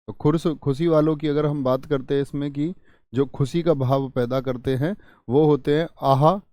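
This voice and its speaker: A man's voice: a little high, fairly even intonation, moderate pace, warm tone, no echo, clean studio sound. A man teaching a Hindi grammar class online, reading viewers' comments and acting out example exclamations. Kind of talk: online exam-prep class.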